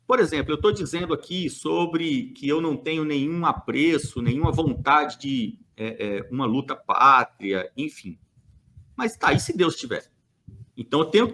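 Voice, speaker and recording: Speaking on a church podcast, a man from Brazil with a fairly high, slightly bright voice pushes his opinion hard. He poses rhetorical questions and hesitates with fillers throughout the monologue.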